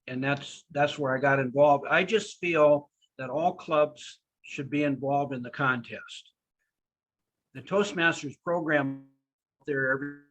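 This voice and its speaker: An older American man in his sixties or beyond answers interview questions in a plain-spoken, unscripted way, often pausing mid-sentence. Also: a little high, a bit bright, rough recording. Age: 60s or older. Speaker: speech contestant being interviewed.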